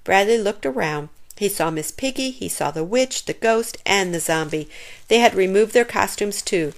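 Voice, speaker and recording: Woman reading a kids' book, gravelly. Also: medium pitch, lively intonation, normal speed. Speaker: children's book reader. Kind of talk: reading a children's chapter book aloud.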